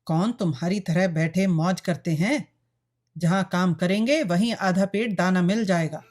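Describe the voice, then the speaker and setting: A stern older village father, as a woman narrator gives him voice, blunt and fearless. He speaks flatly and firmly, close to the narrator's own voice. A plain storybook figure. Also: on the low side, measured pace. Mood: defiant.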